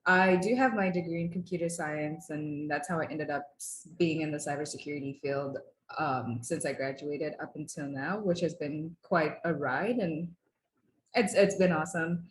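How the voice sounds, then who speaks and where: Low-voiced young woman in an echoey room. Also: moderate pace, a little hiss or hum. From Uganda. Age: 20s. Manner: conversational, many fillers and restarts. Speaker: client giving a testimonial. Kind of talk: casual testimonial interview.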